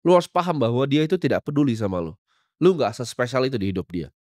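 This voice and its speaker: A man's voice: medium pitch, big pitch swings, fast talker, darkish tone, dry recording, clean studio sound. Brash, scolding young man. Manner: confrontational, scolding, slangy Jakarta speech. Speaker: podcast host giving life advice. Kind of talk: monologue, blunt motivational rant.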